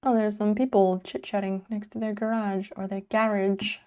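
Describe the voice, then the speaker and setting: A woman's voice: mid-range voice, little pitch movement, moderate pace, a little mellow, clear, resonant tone. A woman live streamer chatting casually while sleepy and yawning, rambling and swearing offhandedly.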